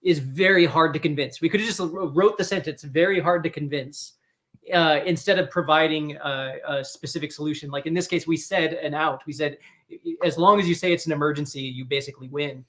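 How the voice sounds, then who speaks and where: A man's voice: on the high side, a little fast, fairly bright tone. A man from the dev team explaining design ideas in casual talk, restarting sentences as he goes.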